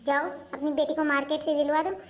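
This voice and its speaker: A woman's voice: high-pitched, little pitch movement, fast, lightly acted. A woman playing a stubborn daughter-in-law. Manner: stubborn, insistent, refusing. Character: stubborn young daughter-in-law guarding her sarees. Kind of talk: home-made comic family skit.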